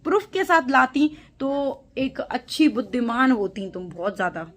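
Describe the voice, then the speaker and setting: A woman's voice: sits high, lively intonation, moderate pace. Indignant woman lecturing her critics. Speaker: vlogger. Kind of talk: direct-to-camera reply to critics.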